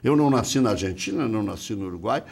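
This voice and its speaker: A man's voice: on the low side, lively intonation, very fast, gravelly, darkish tone, slightly rough. A man in his fifties, a veteran sports commentator, talking bluntly and outspokenly on a talk show.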